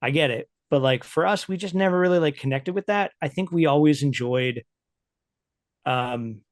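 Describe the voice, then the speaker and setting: A man's voice: on the high side, moderate pace, dry recording, clean studio sound. A man talking loosely as a podcast guest, full of "like" fillers and easy laughs. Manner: loose and chatty, many "like" fillers, laughs often. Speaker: podcast guest, writer and editor. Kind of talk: casual interview chat.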